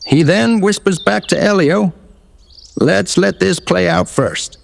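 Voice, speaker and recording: A man with a high, lively and creaky voice plays in a tabletop game replay. He reads narration and character lines in a reverberant space. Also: slow. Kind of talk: scripted narration and character dialogue.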